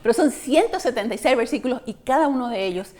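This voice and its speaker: A woman's voice: fairly high pitch, expressive, fast talker, darkish tone. A woman co-teaching a church Bible study in a conversational way, often checking in with rhetorical questions.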